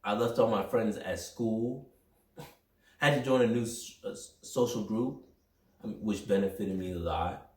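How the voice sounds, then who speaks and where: A young man hosting a podcast, talking through a personal motivational monologue in an energetic, rambling, self-reflective way. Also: fairly low pitch, measured pace. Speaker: podcast host. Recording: roomy echo, mic at a distance.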